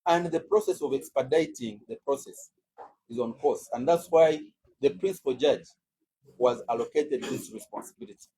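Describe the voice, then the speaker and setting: A man argues before a judge as state counsel, speaking in a measured, deliberate courtroom manner. His voice is mellow and slightly husky, steady at a middle pitch. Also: low-quality recording. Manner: measured, deliberate legal oratory. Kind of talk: formal courtroom submission.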